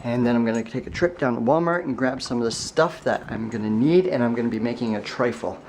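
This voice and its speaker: A young vlogger talks casually to his camera while shopping and baking in a store and his home kitchen, joking and laughing often. He's a fast talker with a mid-range, slightly mellow voice. There's slight background noise.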